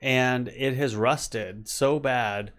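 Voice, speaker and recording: A man in his forties co-hosting a relaxed live chat from home. He talks in a chatty, meandering way, with a voice of ordinary pitch for a man, and loops from one story into the next. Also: drawn-out words. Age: 40s. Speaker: co-host.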